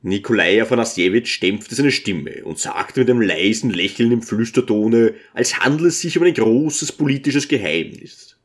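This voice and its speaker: A man narrating a classic novel as an audiobook in a measured, deliberate manner. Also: on the low side.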